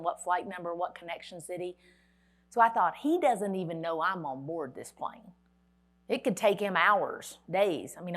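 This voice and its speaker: A woman's voice: medium pitch, a bit bright. A woman, giving a motivational keynote at a conference and telling a dramatic story with wry humor. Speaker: motivational speaker. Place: conference hall.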